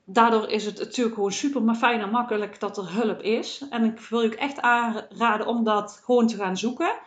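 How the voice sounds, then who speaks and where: A fairly high-voiced woman talks alone on her podcast as a coach, earnest and encouraging, often tagging her sentences with a questioning "hè". The recording is roomy and a little dull. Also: fairly even intonation, brisk. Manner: earnest, encouraging, many "hè" tags. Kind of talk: solo podcast monologue.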